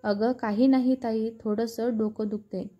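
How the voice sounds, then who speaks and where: A woman's voice: on the high side, fairly even intonation, measured pace, lo-fi sound, soft background music. A woman voicing a remorseful young woman who pleads with her elder sister. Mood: evasive. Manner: pleading, hesitant.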